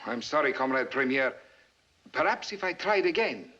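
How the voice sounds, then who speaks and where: An actor playing a nervous, apologetic Soviet radio official in a 1950s film. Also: male voice, fairly high pitch, expressive, moderate pace, sharp tone. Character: anxious Soviet radio official, middle-aged man. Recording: dull 1950s film soundtrack.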